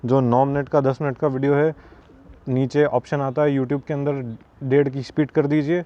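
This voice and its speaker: A man's voice: mid-range voice, flat delivery, moderate pace, mellow, highs cut off. A man narrating a screen-capture tutorial on trading, explaining casually and mixing in English phrases. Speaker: trading educator. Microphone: voice-over over screen capture.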